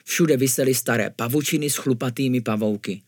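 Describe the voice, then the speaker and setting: A man narrating a children's spooky story in a calm, even storytelling manner. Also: mid-range voice, dry recording, studio quality.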